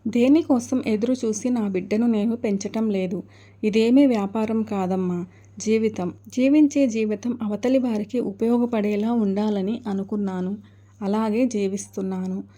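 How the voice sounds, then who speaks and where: Woman voicing a devoted middle-aged mother, firm and earnest, dark mellow voice, audio story. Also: mid-range voice, natural voice. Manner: firm, earnest, gently reassuring.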